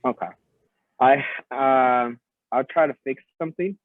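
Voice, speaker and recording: A man's voice: mid-range voice, measured pace, no room sound. A male teacher leading an online class, politely taking feedback, his voice muffled as if heard through a wall. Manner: polite, thanks students for feedback. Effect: muffled, as if heard through a wall or underwater. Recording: muffled, phone-like computer mic audio.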